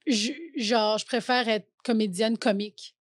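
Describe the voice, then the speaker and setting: A woman's voice: fairly high pitch, steady tone, measured pace, no room sound. A woman in her thirties with a Québécois French accent, chatting casually as a podcast guest, rambling with fillers and restarts and laughing often. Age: 30s. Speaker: comedian guest.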